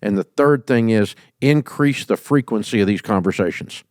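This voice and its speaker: A middle-aged man hosting an advice show, talking emphatically and folksily and jumping into loud acted quotes. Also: fairly low pitch, moderate pace, no room sound, clean studio sound. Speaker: host giving leadership advice. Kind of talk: call-in advice talk.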